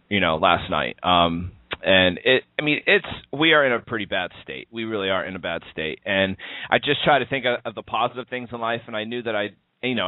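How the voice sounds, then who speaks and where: A lower-voiced man hosting a casual podcast, talking in a loose rambling way full of fillers and restarts. His voice comes over a tinny internet call line, bone dry with no room around it. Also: no room sound. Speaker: podcast host. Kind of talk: casual chat. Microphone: internet call over wireless. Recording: tinny Skype call audio.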